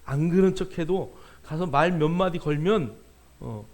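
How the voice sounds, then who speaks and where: High, gravelly-voiced man preaching. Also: a little mellow. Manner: conversational preaching with many fillers and drawn-out emphasis. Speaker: pastor. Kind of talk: sermon.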